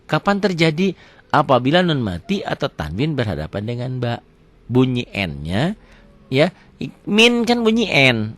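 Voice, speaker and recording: Patient male Quran recitation teacher. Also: lowish voice. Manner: patient, repeats words slowly, asks and answers his own questions. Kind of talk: explaining tajwid rules to students.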